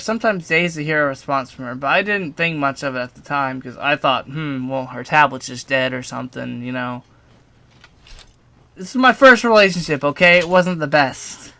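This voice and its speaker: A young adult man narrates a storytime video, telling a personal story in a casual way that is partly scripted. He throws in informal, self-deprecating asides and some swearing, and his voice is on the high side, pushed and bright.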